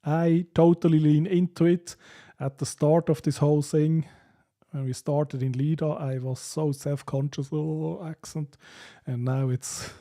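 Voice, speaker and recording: Reading viewer comments on his relaxed live stream, the Swiss-accented host from Switzerland laughs often and fills his hesitant sentences with fillers. His fairly high voice is warm and steady in tone, moving a little slowly.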